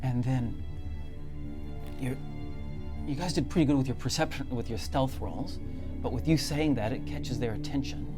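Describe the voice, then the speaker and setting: A game master hosting and narrating a live tabletop role-playing game in a dramatic, halting way. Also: medium pitch, music in the background. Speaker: game master and show host.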